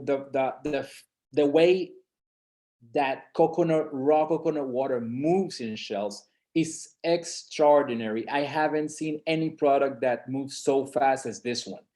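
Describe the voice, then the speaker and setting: With a medium-pitched, darkish voice, a middle-aged man from Colombia's San Andres and Providence islands gives a loose webinar presentation, hesitating and restarting with plenty of fillers.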